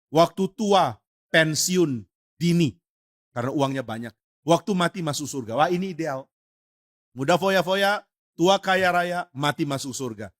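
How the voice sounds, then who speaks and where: Man, pastor, sermon, lively storytelling delivery, slightly high voice. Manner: storytelling with acted voices and rising emphasis; addresses congregation as brothers and sisters.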